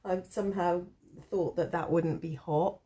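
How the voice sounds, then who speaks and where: A woman who hosts a tarot channel chats casually to camera in a rambling vlog. Her low, mellow voice is roughened by a cold and sore throat, with fairly even intonation, and she takes her time, pausing often, in a reflective, hesitant and gently self-deprecating way.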